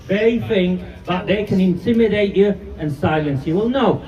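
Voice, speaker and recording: A man's voice: sits high, normal speed. A man in his fifties giving an angry, defiant speech at an outdoor street protest, filmed from a distance. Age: 50s. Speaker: rally speaker. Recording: distant, muffled live-stream audio with loud noise.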